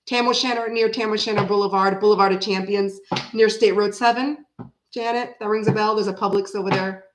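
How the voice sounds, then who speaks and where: A tarot reader in her forties, from Canada but raised in Florida, speaks French as well and has an American accent. She chats casually on a livestream with viewers, rambling and erupting into sudden animated bursts, her mid-range voice brisk against a roomy, noisy background.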